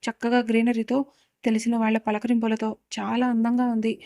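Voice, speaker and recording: A woman's voice: fairly high pitch, monotone, moderate pace, mellow, no echo, studio quality, close to an everyday voice. Woman voicing a cheerful young man. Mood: delighted. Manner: enthusiastic, chatty.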